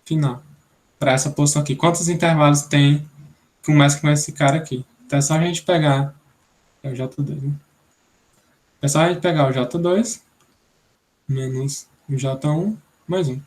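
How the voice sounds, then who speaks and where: A man's voice: on the high side, fairly even intonation, moderate pace, pauses often, a little mellow. A young man from Brazil teaching an online programming class, thinking aloud step by step and checking in with "né?". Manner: explanatory, thinks aloud, many "né?" tags. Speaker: instructor.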